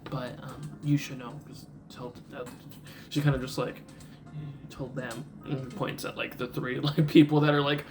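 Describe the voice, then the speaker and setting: A man's voice: medium pitch, flat delivery, normal speed, over music. A man narrating as game master of a tabletop game, loose and rambling with many fillers.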